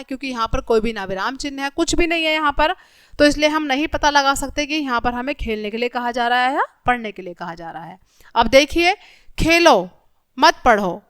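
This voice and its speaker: High-voiced woman teaching young children. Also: no room sound, clean studio sound. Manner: addresses children warmly, slow clear reading of examples. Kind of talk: children's grammar lesson.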